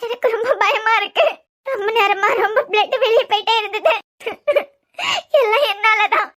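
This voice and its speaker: A woman's voice: very high-pitched, brisk, fairly bright tone. A woman voicing a frightened, guilt-ridden young wife in a cartoon serial, speaking with a Kanyakumari Tamil accent. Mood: tearful, frightened.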